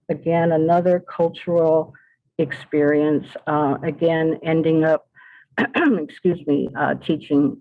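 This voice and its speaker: A woman's voice: low-pitched, creaky. A woman from Southern California in her sixties, an ESL teacher presenting on a video call, hesitant with many fillers and restarts. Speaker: adult school ESL teacher presenting a webinar. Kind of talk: casual spoken presentation over video call. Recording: tinny phone-like audio.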